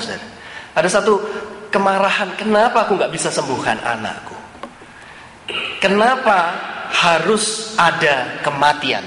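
A man's voice: fairly high pitch, bright, forceful tone, a little hiss or hum. A man preaching a sermon, often turning to his listeners with repeated rhetorical questions. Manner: keeps addressing listeners as "brother", asks repeated rhetorical questions. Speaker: pastor. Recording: echoey hall with long reverb, faint room ambience.

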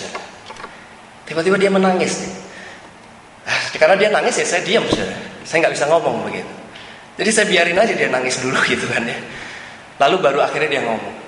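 A man's voice: medium pitch, a bit bright, a little hiss or hum. A man giving a conversational sermon, addressing the congregation and mixing in English phrases. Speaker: preacher. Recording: echoey hall with long reverb.

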